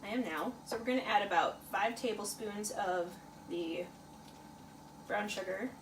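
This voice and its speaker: A woman with a medium-pitched voice hosts a casual home cooking video for her channel, speaking a little slowly. She chats while stirring a pot, using lots of fillers. Kitchen noise is audible in the recording, with frying and stirring sounds in the background.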